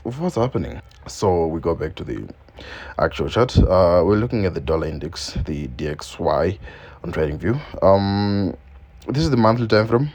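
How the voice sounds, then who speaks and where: His voice sits low and is a little mellow as this Zimbabwean man, a non-native English speaker, teaches forex trading. He talks loosely through market analysis on a screen share, using many ums and repeating phrases.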